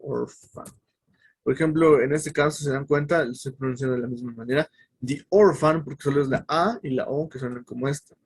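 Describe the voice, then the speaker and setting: A man's voice: mid-range voice, steady tone, brisk, husky. A man teaching a casual English lesson online. He explains step by step and often stops to correct himself, with fillers along the way.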